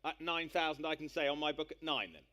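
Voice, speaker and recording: A man working as an auctioneer, calling bids live in a brisk patter of repeated numbers. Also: fairly high pitch, steady tone, pushed and bright.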